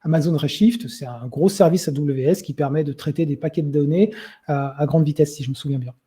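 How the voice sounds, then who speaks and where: A man's voice: fairly high pitch, brisk, dark tone, breathy edge. A young man giving a conversational webinar talk, hesitating often with filler sounds. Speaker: webinar presenter.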